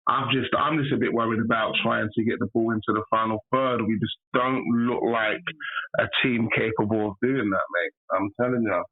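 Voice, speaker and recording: A man's voice: fairly low pitch, steady tone, brisk. A man calling in, a dramatic and despairing football fan chatting casually. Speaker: caller. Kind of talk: casual football chat over a phone call. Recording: tinny phone line.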